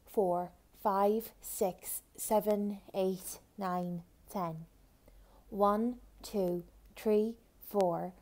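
A young woman with a Cork Irish accent, counting aloud in a measured, deliberate way for a voice sample. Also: mid-range voice, a little mellow. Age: young adult. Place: small room, indoors.

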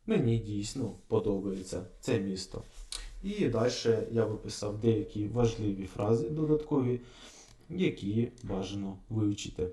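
A man teaching a casual language lesson, repeating phrases slowly and thinking aloud. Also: on the low side, warm tone, echoey room.

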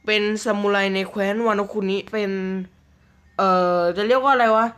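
A man chatting casually through mobile game news, joking around and reading out English slowly word by word. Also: sits high, a bit bright, clean tone. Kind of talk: casual commentary.

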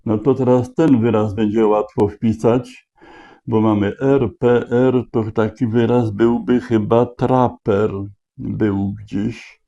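A man works through a crossword out loud, unhurried and methodical, sounding out letters one by one. His voice is very dark and mellow, caught on a dull, lo-fi recording. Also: medium pitch, steady tone, gravelly. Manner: slow, deliberate, spelling out letters. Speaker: crossword solver. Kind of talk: thinking aloud while solving a crossword.

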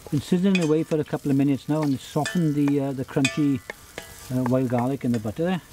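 A Welsh man in his fifties giving a relaxed, chatty cooking demonstration outdoors on a beach, with many ums and uhs. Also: a little high, fast talker, slight background noise. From Wales. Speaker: forager and outdoor cook.

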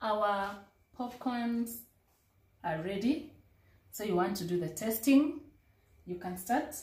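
A woman's voice: medium pitch, animated, slow pace, darkish tone, roomy sound. A young woman co-hosting a home cooking vlog, speaking straight to her viewers and mixing Swahili into her English. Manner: addresses viewers as "guys", mixes Swahili into English. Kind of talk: casual cooking demonstration. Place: home kitchen, indoors.

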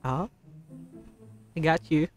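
This vlogger, a man in his twenties from the Philippines, sings with his guitar and talks casually with strangers on video chat, shy, courteous and full of repeated thanks. His fairly high voice holds a steady, somewhat dark tone and moves slowly. He records indoors under pink bedroom light on a stand-mounted studio mic, with guitar music in the background.

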